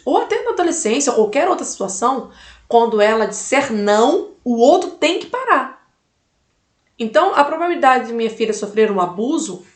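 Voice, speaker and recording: A fairly high-voiced woman talks straight to the viewer, giving firm motivational advice as a mother. She repeats her key phrases and keeps asking the listener questions. Her voice rings out in a roomy, echoey space.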